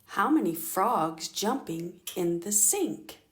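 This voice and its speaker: Reading picture books aloud to a preschool group, this woman librarian stops now and then to question the kids. Her voice sits at medium pitch with lively intonation, and she paces things gently and deliberately.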